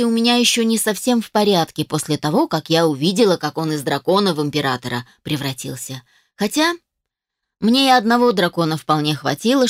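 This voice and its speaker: A woman narrating a first-person fantasy novel in a sardonic, brisk manner. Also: on the low side, dry recording, studio quality. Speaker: audiobook narrator.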